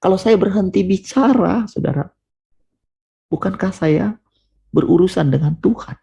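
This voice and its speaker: A man delivers a sermon by video call at a moderate pace, his voice creaky and husky. Earnest and emphatic, he climbs to urgent questions, then drops to a low, quiet tone.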